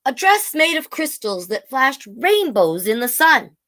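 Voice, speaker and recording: A woman plays a young storybook child with a raised, lilting pitch. The child speaks earnestly and pleadingly, full of hope, with an unhurried, swinging melody. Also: sing-song, bright, forceful tone, exaggerated voice. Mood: hopeful. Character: young child Bailey, earnest, hopeful dreamer of dresses. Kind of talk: children's storybook read-aloud.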